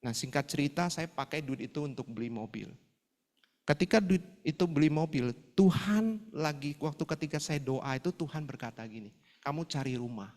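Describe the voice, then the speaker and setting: Male evangelist, high voice, animated testimony sermon, reverberant hall. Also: moderate pace. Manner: animated storytelling, acting out prayers and dialogue. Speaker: evangelist preaching at a prayer fellowship. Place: fellowship hall.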